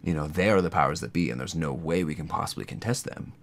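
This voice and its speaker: Casting: American male podcast co-host, low voice, earnest casual debater. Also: fast talker. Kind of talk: casual conversational chat.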